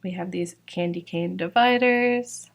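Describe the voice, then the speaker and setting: Showing off new sticker releases from her shop, a young Georgia woman speaks in a low, unhurried voice with vocal fry that sounds slightly worn. Her chatty, casual delivery is full of "like" and "um."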